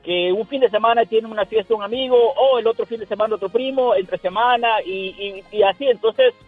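A man calling in to a radio show, talking haltingly and searching for words. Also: high-pitched, husky, dry recording, faint music behind. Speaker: radio caller. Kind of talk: phone-in talk. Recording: dry phone-line sound.

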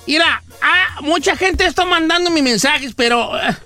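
A man hosts a radio show, spinning jokey, exaggerated stories. His voice sits very high and sounds very bright and forceful. Faint music plays in the background. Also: expressive, moderate pace. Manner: playful, exaggerated storytelling. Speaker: radio host. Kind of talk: joking radio banter.

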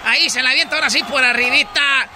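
A man voicing an excitable rustic older man giving clumsy comic soccer goal commentary, with music and a crowd behind him. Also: extremely high pitch, noisy background. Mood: folksy, excited. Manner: excitable goal commentary, drawn-out shouted goal calls.

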